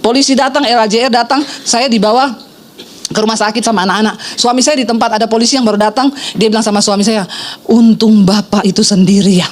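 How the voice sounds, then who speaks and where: A middle-aged woman pastor preaching a sermon, telling a story in a lively way and acting out the people she quotes. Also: on the high side, fast talker, a little hiss or hum. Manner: animated storytelling, acts out quoted voices.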